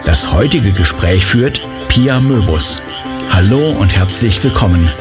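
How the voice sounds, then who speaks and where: Lively male podcast announcer over guitar music. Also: fairly low pitch, measured pace. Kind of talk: scripted podcast intro.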